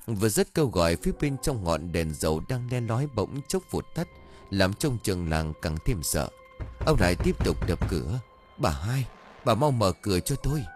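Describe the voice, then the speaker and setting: A man's voice: low voice, a little mellow. A man narrating a horror audiobook in a dramatic, suspenseful way. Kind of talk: scripted horror story narration.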